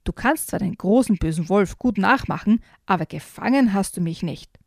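Woman doing a shy hushed wolf boy. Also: animated, moderate pace, creaky, no echo, clean studio sound. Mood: quiet. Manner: quiet, low, near-whispered. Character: shy young wolf boy, new at school.

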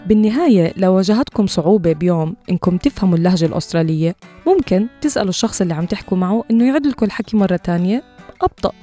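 Brief: woman host, rapid scripted narration, low and warm. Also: animated, soft background music. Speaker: podcast host.

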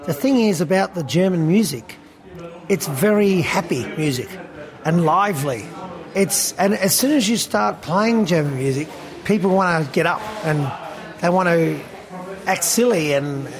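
His high voice has lively intonation and a slightly slow pace, with a crowd audible behind him. He's a fifty-something Australian band musician in a casual interview at a busy beer hall restaurant, rambling with lots of fillers and laughter.

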